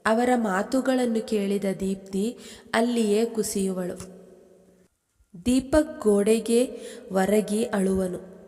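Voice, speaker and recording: A woman narrating a scripted romantic story in a slow, steady, dramatic reading. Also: medium pitch. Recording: long hall reverb.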